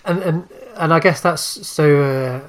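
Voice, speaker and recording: A man's voice: a little high, measured pace. A man hosting a podcast interview, asking questions hesitantly with many restarts and fillers. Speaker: podcast host.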